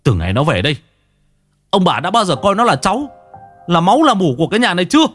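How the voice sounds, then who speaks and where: A man voicing a bitter, angry young father who talks back fast and heated, with faint music behind. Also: mid-range voice, animated, fairly bright tone, voice pushed up, close to an everyday voice. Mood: bitter anger.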